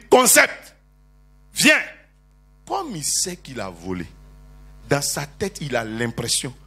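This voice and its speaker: A man preaching a sermon as bishop, calling on the congregation to answer amen, teasing them with jokes and rising to loud prophetic declarations. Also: on the high side, a little hiss or hum. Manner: animated preaching with call-and-response.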